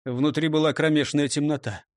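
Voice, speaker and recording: A man narrating a children's story in an animated, expressive reading. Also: a little high, fairly quick, no echo, clean studio sound.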